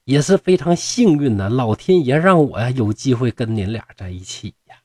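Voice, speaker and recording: A man's voice: medium pitch, expressive, moderate pace, mellow, no echo, close to an everyday voice. A man voicing a young fox-spirit woman who speaks sweetly and earnestly.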